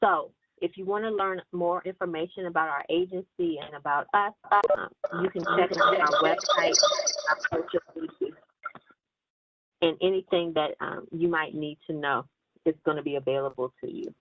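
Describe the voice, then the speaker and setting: Woman agency director, measured presenter, dry and phone-filtered. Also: fairly low pitch, dry recording. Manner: steady, measured, with frequent ums. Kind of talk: virtual meeting presentation. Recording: tinny phone-line audio, dry.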